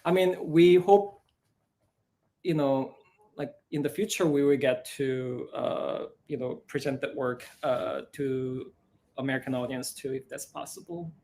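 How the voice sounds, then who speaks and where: A man with a Korean accent, co-writer of a musical, chats in a casual live stream. He's soft-spoken and hesitant, often pausing on "uh" and laughing readily. His voice is medium-pitched with a steady tone.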